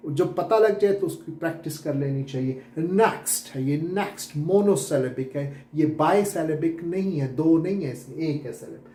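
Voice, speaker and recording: A man teaching English syllables in Urdu, repeating words slowly to correct common mistakes. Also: fairly high pitch, mellow, echoey room, a little hiss or hum. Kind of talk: classroom lesson on pronunciation. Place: classroom with whiteboard.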